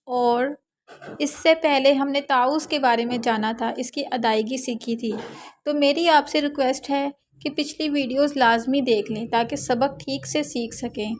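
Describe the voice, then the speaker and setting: A woman teaches Quran recitation. Her voice sits high, and she explains each sound patiently, spelling out letters and vowel marks one at a time. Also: steady tone. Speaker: online Quran tajweed teacher. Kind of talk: recitation lesson with slow demonstrations.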